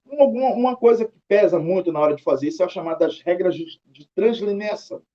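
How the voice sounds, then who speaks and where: A Brazilian man with a high, warm voice talks fast while teaching a writing lesson, and the recording is muffled. He guides students through examples in a chatty way, drawing out tag questions and scolding them mildly. His accent is Brazilian Portuguese.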